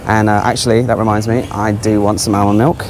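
Amid background noise in a big supermarket, a male travel vlogger keeps up a casual, exclaiming, offhand commentary as he strolls the aisles. He speaks a little fast in a fairly low, level voice.

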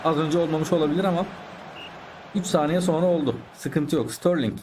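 A slightly high-pitched man narrates his football video game match as he plays, chatting to his viewers and calling out the action. He reacts loudly to shots and saves. A faint hiss sits under the recording. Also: a little fast. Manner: chatty, addresses viewers as friends, exclaims at plays. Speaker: gaming YouTuber. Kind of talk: live gameplay commentary.

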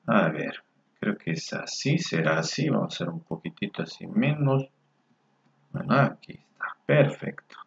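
A man teaching a Spanish grammar lesson to learners in a friendly way. He repeats words slowly and mutters asides to himself while fixing his screen. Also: fairly low pitch, very animated, vocal fry. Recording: echoey room, dull lo-fi sound.

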